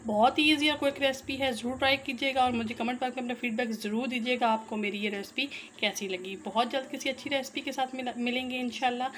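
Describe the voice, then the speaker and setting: High-pitched woman with talking you through a recipe, sizzling pot noisy in the background. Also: fast, few pauses. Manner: calm step-by-step instruction. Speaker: cooking channel host. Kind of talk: recipe voice-over narration.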